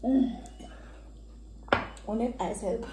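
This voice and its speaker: A woman's voice: fairly high pitch, extremely slow. A woman in her twenties with a Jamaican accent, chatting casually and groaning while eating, her mouth burning from spicy food. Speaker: vlogger. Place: home kitchen-dining room, indoors. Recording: roomy echo, clear noise, cutlery clinks.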